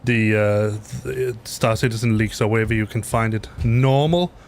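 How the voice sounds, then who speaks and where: With slight background noise behind him, a Danish-accented middle-aged man from Denmark chats casually on a live stream at normal speed in a lowish voice. He's flying a simulator in a basement room at home, rambling with lots of fillers and frequent self-corrections.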